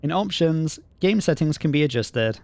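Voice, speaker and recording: A man's voice: on the high side, lively intonation, moderate pace, gravelly, darkish tone. A man streaming a video game, making dry, wry casual commentary.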